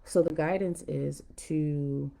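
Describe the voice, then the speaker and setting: A woman's voice: deep voice, steady tone, takes it slowly, vocal fry, dark tone. A woman giving a mystical, conversational horoscope and tarot reading, musing aloud and often checking in with the listener. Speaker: tarot reader hosting a forecast. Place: at home, indoors.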